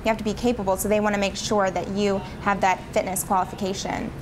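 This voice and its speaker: A woman's voice: medium pitch, level tone, fast talker. Young female pageant interviewee, poised yet chatty, mid-range voice, noisy ambience. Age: young adult. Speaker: pageant titleholder being interviewed. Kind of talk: interview answers.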